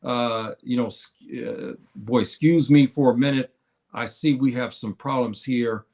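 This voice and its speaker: An older man in his seventies speaks casually to his livestream audience at a medium pitch. He stops and restarts often, fills gaps with "uh," and repeats his key lines for emphasis. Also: fairly even intonation, vocal fry, a little mellow. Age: 70s. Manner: halting, with many fillers and repeated words. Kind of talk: casual livestream talk to viewers.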